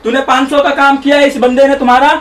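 A man from Bihar working in a small salon, arguing forcefully and bossily, repeating his demands for respect. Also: very high-pitched, little pitch movement, quick pace. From Bihar, India. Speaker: salon barber. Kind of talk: heated argument in a prank video. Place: small salon shop indoors. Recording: echoey room, voice from far off.

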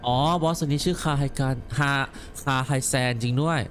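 A man commenting on a game as he plays, exclaiming and repeating words in quick excited bursts. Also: on the high side, soft background music. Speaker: gameplay commentator. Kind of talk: let's play commentary.

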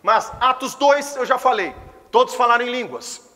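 A high, bright male voice with a Brazilian Portuguese accent delivers a fervent Pentecostal sermon. He swings from hushed, intimate passages to ringing exclamations. His voice carries a long reverb from a church hall. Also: lively intonation, normal speed. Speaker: pastor. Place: church service.

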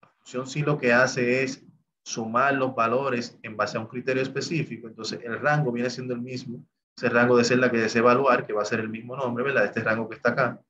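Talking fairly quickly with little pitch movement, a medium-voiced Excel instructor explains every step of a recorded screen-share spreadsheet lesson. He moves along with "bien" and "entonces," and the highs in the audio are cut off.

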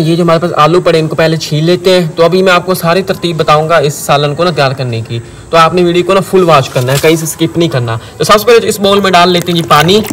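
A man with a Pakistani accent and a fairly high, slightly bright voice chats casually through a recipe as a village cooking vlogger. He's outdoors among village fields and a brick-walled courtyard, with clear ambient sound around him.

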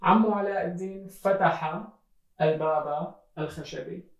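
A teacher telling a story slowly for learners, repeating each phrase and glossing words in English. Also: mid-range voice, creaky. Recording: roomy echo, voice from mic distance.

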